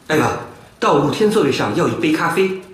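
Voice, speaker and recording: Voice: medium pitch, sing-song, moderate pace, background noise, natural voice. A performer plays a terse, urgent guide giving instructions in a language-learning radio drama. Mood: urgent, commanding. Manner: terse, directive. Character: commanding secret mission guide, urgent and instructive. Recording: echoey, music behind.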